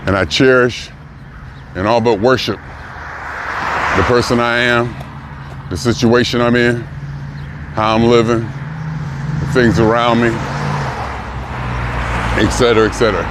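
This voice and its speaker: Strolling outdoors on a city street, a man in his sixties thinks out loud for his vlog, his reflections broken by pauses and fresh starts. His voice is mid-range with little movement in pitch, and traffic and street sounds fill the background.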